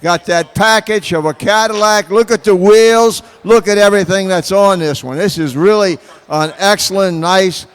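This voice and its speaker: High, smooth male announcer in reverberant hall. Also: moderate pace. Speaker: auction announcer describing lots. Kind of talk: unscripted sales commentary on cars.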